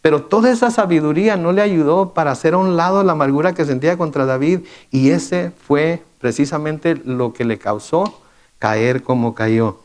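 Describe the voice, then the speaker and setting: A man delivering a midweek sermon, his voice sitting a little higher than most men's. He talks to his congregation conversationally, firing off rhetorical questions and often stumbling into repeated words before pressing on. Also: moderate pace, darkish tone. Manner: repeats words and restarts with fillers. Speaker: pastor.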